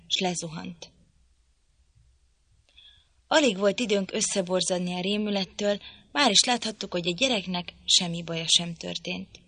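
A woman narrating an audiobook in a calm, measured storytelling voice. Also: lowish voice, no echo. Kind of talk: scripted narration.

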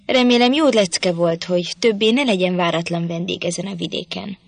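A woman voicing a surly, gruff male farm master in a storybook reading, curt and blunt. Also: on the low side, no room sound.

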